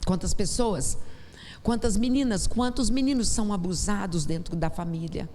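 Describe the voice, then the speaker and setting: Speaking in a warm, medium-pitched voice at a moderate pace, a woman with a Brazilian Portuguese accent delivers a sermon in a church sanctuary. She recounts her own testimony, her exclamations impassioned and rising. Long church hall reverb and faint noise fill the recording.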